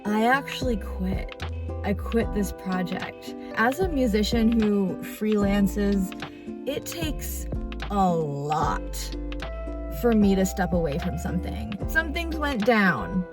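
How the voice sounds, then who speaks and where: A woman talks to her vlog audience as if spilling the tea. Her middling-pitched voice is confiding and gossipy, leaning on words for drama. Music plays clearly behind her. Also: expressive, slow pace. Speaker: vlogger, freelance musician.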